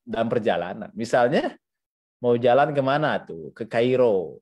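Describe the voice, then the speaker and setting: A man with an Indonesian accent, speaking in a mid-range voice that's very animated, a little mellow and at a moderate pace, gives an Islamic lecture as a teacher. He reads Arabic phrases and explains them didactically, repeating phrases and adding conversational asides with frequent checking tags.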